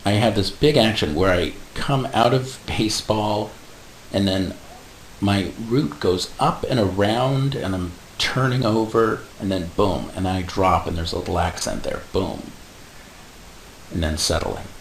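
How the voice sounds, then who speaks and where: A man explaining animation software step by step in a casual tutorial, adding little sound effects like "boom". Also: measured pace. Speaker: animation instructor. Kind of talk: screen-recorded software tutorial. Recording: echoey room with faint hiss.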